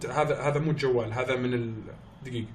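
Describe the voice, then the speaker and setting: A man's voice: medium pitch, fairly even intonation, quick pace, a little mellow, slight background noise. A man making a prank phone call in a hesitant, stalling way. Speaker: prank caller. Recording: echoey room.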